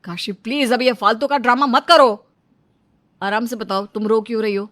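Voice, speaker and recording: A firm young husband , voiced by a woman in a cartoon story. The voice sits lower than her own and stays bright, plain-spoken and steady. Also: normal speed, faint music behind, close to an everyday voice.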